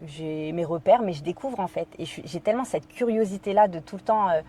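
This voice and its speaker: Speaking fairly quickly in a low, mellow voice, a French podcast guest recounts something personal. She often hesitates, fills pauses and quotes what she was thinking.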